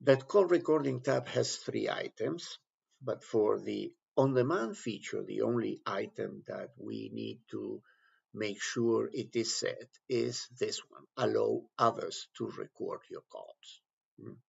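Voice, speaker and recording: In a step-by-step software screen tutorial, a low, very gravelly-voiced man explains a task in short, halting, instructor-like phrases with big pitch swings. The audio is somewhat dull and lo-fi.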